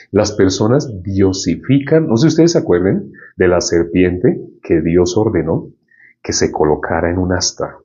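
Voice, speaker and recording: Low-voiced man teaching a Bible lesson. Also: warm tone, muffled recording. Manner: conversational, often asks the listeners questions. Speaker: preacher.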